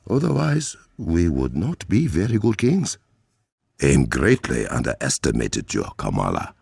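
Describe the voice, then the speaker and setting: In this video game dialogue, the Wakandan king and warrior, dignified and dryly witty, uses a remarkably deep, husky voice with an African accent, slightly mellow and echo-free, fully in character. Huge pitch swings animate his speech while his phrasing remains formal and measured. His mood is composed and earnest.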